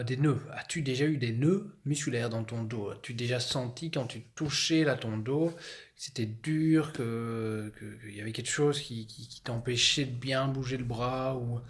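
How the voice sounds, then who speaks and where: A man coaching viewers casually, demonstrating massage tools while talking, often hesitating and restarting, filmed on a phone indoors. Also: medium pitch. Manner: chatty, hesitant, showing objects while talking. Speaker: fitness coach. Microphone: phone camera.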